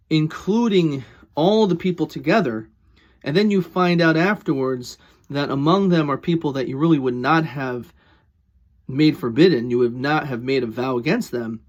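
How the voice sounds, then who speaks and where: Male rabbi for a religious lesson: fairly high voice, questioning delivery, explains step by step with deliberate emphasis. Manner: questioning, posing rhetorical questions and answering them. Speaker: rabbi teaching a Talmud lesson.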